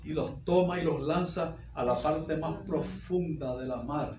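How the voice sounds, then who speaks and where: Male pastor, fairly high voice, slow deliberate sermon delivery, reverberant sanctuary. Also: slight background noise. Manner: preaching with repetitions and sudden loud peaks. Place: church sanctuary. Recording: echoey dull church recording.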